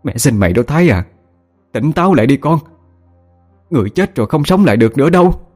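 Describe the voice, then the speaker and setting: Desperate scolding mother in an audiobook, voiced by a man, pitched up high. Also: lively intonation, fast, darkish tone, soft background music, close to an everyday voice. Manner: scolding, pleading.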